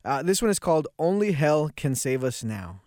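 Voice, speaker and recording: A man's voice: on the high side, big pitch swings, moderate pace, a little mellow, no room sound, clean studio sound. A man co-hosting a podcast in casual chat, laid-back and often trailing off to restart his sentences. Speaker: podcast co-host.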